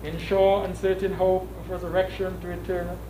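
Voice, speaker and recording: A middle-aged man, a priest, reading solemn funeral prayers in a measured, formal way with pauses. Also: high voice, flat delivery, warm tone. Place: small indoor funeral service room. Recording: echoey room, distant mic, background noise.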